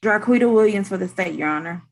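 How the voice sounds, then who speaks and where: A woman speaking as a state's attorney in a formal, halting, procedural way on a video call. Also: mid-range voice, creaky. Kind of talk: formal courtroom questioning.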